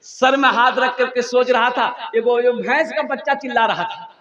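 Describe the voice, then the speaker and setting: At a religious gathering, a male Islamic preacher with a very high, fairly bright voice speaks at normal speed. He tells humorous stories during his sermon, sings refrains, and prompts the crowd to answer. The recording has an echoey, dull, lo-fi PA sound.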